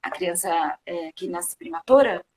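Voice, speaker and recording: A woman's voice: on the low side, measured pace, a little mellow, low-quality recording. A woman from Brazil hosting an interview, who asks conversational questions and often restarts and corrects herself. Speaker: host. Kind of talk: interview questions, casual chat.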